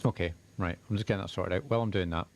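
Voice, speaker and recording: A man's voice: low voice, racing, gravelly, slight background noise. A man co-presenting live local radio, reading messages and sorting out the music in a practical, matter-of-fact way.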